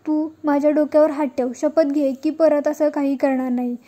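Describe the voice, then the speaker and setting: Woman reading earnest young village man, protective, urging, high voice, level delivery. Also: fairly even intonation, normal speed, warm tone, natural voice. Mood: pleading. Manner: urging, reassuring.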